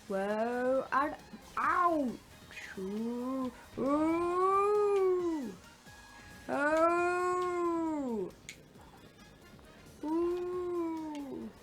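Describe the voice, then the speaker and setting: A woman hosting a gaming video, giving playful kart racing commentary full of exclamations, oohs and little vocal sound effects. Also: high voice. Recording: game music under the voice. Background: video game music.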